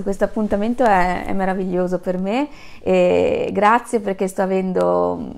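Woman reading fables to kids live, friendly and chatty, some vocal fry. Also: medium pitch. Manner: warm, chatty, greeting viewers by name. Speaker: storyteller for children. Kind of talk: live-streamed storytelling for kids.

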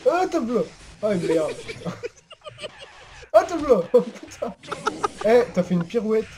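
A man's voice: high-pitched, very animated, slow pace, background noise. A man doing casual, joking, sweary gameplay commentary. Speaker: gaming YouTuber.

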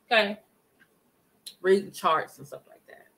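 Bright-voiced woman hosting a live stream. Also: medium pitch, a little slow, vocal fry, low-quality recording. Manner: emphatic, talks to chat viewers. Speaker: livestream commentary host. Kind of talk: casual live commentary. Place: living room at home. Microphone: webcam at desk distance.

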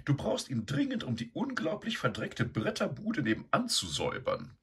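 A man voicing a huge, domineering female sow who barks orders in a high, sharp voice. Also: huge pitch swings, normal speed, husky, heavily acted. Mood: bossy. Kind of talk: storybook reading.

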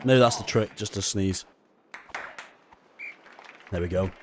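A young man giving casual gameplay commentary, excitable and swearing often, with frustrated outbursts. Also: fairly low pitch, takes it slowly, some chatter behind, a little hiss or hum. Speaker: gaming YouTuber.

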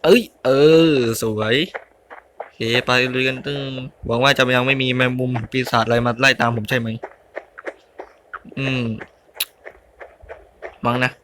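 Young man, gaming commentary, muttering and grunting, bright forceful tone, light background noise. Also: medium pitch, little pitch movement, a little slow, pauses often. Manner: mutters and grunts while playing, exclaims at mistakes. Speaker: gaming YouTuber. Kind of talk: casual let's-play commentary.

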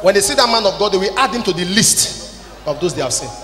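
Leading a church service, this Nigerian preacher, a man in his forties and an apostle, addresses the congregation from the stage with short, emphatic, scolding statements. The voice is high, animated and fast. It's captured through a handheld microphone on the reverberant PA of a large hall, backed by music.

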